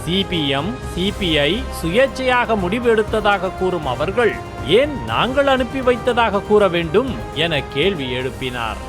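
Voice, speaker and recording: A man reading a scripted news voice-over in a formal tone. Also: high voice. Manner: formal reading with music underneath. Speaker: news narrator. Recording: studio voice-over with music bed.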